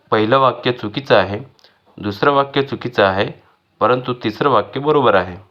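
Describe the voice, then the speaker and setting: A man's voice: mid-range voice, highs cut off. Man reading school exercise answers. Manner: measured, listing answers one by one. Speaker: teacher.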